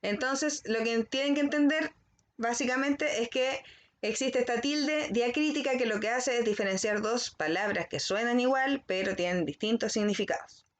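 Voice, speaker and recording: A woman teacher giving a recorded language lesson to children. She explains slowly and carefully and keeps checking in with the class. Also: on the high side. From Chile.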